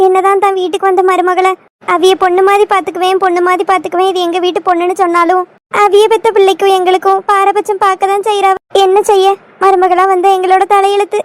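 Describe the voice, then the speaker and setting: A woman's voice: very high-pitched, little pitch movement, fast, slight background noise. A woman voicing a homesick young daughter-in-law in a cartoon, with a sulky, complaining manner. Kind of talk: cartoon voice acting.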